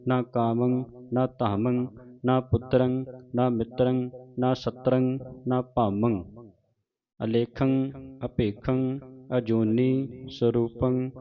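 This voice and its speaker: A man with a Punjabi accent teaching scripture recitation, chanting it in a measured, syllable-by-syllable cadence and stopping to explain how words are pronounced. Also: mid-range voice, flat delivery, faint music behind. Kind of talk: slow recitation lesson with pronunciation notes. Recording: dull lo-fi recording.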